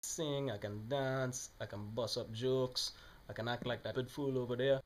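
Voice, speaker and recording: A man's voice: mid-range voice, fairly even intonation, normal speed, lightly acted. A man acts out a Trinidadian alter ego for a comedy sketch. He is a plain-spoken man with a Trinidadian accent, answering interview questions bluntly and with some exasperation. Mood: explaining. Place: living room, on a sofa.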